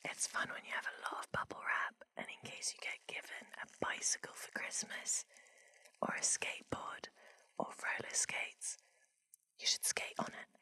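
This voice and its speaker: A woman doing playful, chatty ASMR in a breathy whisper, very close to the microphone, right in the listener's ear. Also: moderate pace, bright, forceful tone. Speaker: ASMR host. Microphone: close ASMR microphones, two of them.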